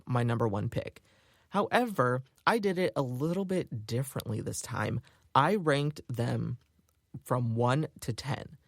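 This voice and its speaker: A man hosts a solo podcast, chatting upbeat and casually with plenty of filler words, English being his first language. His voice is mid-range, and the recording is dry and studio quality.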